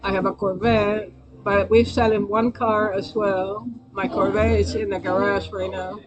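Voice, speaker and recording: With little pitch movement and a measured pace, a medium-pitched woman with a Spanish accent hosts a live stream over poor audio. Her chat with viewers is loose and rambling, hesitant, and packed with fillers and restarts.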